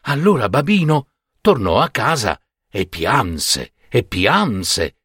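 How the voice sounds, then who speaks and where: A man narrating a folk tale in an expressive, dramatic storytelling manner. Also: medium pitch, slow, husky, no echo, studio quality.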